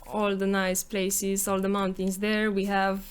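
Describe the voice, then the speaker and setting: A woman's voice: medium pitch, monotone, measured pace, clear, resonant tone. A woman with a Romanian accent chatting casually as an interview guest, playful and joking, acting out little quotes. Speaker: podcast guest, software developer. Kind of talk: casual conversational interview answers.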